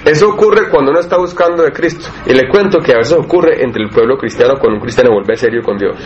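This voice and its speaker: A man's voice: mid-range voice, fast, soft background music. A man preaching a sermon, talking in a conversational way and often asking the congregation questions. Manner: conversational, asks the congregation questions, acts out everyday voices. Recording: dull lo-fi recording with faint noise.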